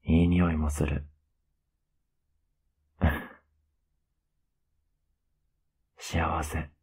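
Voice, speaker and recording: A man playing a tender, teasing, clingy younger boyfriend in an ASMR role-play, murmuring softly and intimately. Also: extremely low pitch, flat delivery, extremely slow, gravelly, breathy edge, heavily acted. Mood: soothing, content. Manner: soft, intimate, coaxing murmur.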